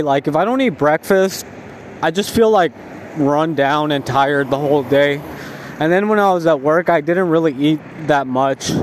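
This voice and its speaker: A man who is high and tired, talking in a laid-back, rambling stoner drawl, like a casual spoken diary. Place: outdoors, walking along a residential street at night. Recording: outdoor street noise with passing cars.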